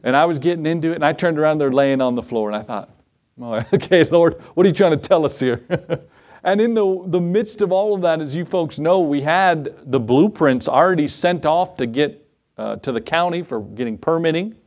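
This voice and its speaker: A middle-aged pastor preaches a relaxed, storytelling sermon in his church, slipping into the voices of people in his tale. His voice sits a little high for a man, and he chuckles between lines. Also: normal speed. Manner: humorous, acts out dialogue, laughs often. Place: church sanctuary.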